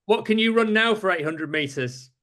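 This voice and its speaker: Man interviewing, fairly high voice. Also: lively intonation, normal speed, fairly bright tone. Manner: friendly, self-deprecating questioning. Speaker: interviewer, athletics journalist. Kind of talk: casual interview conversation.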